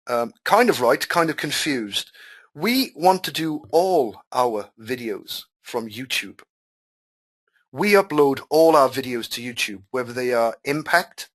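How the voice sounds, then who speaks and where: Over a computer microphone, a man whose native tongue is Welsh runs a live webinar as a marketing coach, voicing students' questions and responding chattily, circling back to the same points. He has a medium-pitched, fairly bright voice.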